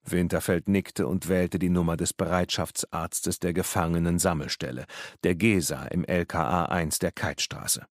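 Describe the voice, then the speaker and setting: Deep male audiobook narrator, even steady read, dry close mic. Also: moderate pace, dry recording. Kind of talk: scripted narration.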